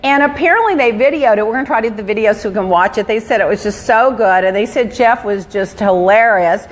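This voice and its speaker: A middle-aged woman hosting a casual gossip chat, telling stories with animated, exasperated quoting. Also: medium pitch, quick pace. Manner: animated storytelling, acts out exasperated quotes. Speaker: talk show host.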